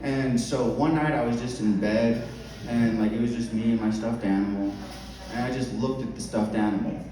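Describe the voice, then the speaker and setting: A man's voice: medium pitch, fairly even intonation, moderate pace. A man performing rambling, informal stand-up with crowd work, swearing freely and breaking into giggly laughter. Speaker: stand-up comedian. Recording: very echoey club, distant mic, audience noise.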